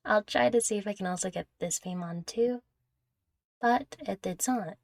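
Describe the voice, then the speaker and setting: In a mid-range voice at a measured pace, a young adult content creator chats casually through viewer questions, rambling, giggling and self-deprecating. She sits close to the microphone on a dry recording.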